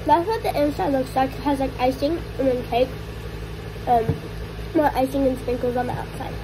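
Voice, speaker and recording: A woman with a high voice talks while chewing cake, giving a frank, casual food-tasting verdict full of fillers. A noisy background is present. The feel is relaxed and unscripted. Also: moderate pace. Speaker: vlogger.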